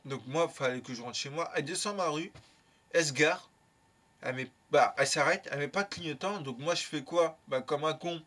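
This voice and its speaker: Young male vlogger, bright and a bit high, tells a rambling anecdote full of slang and curses. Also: fairly quick. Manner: lively, slangy, swears freely. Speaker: YouTuber. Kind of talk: casual storytelling.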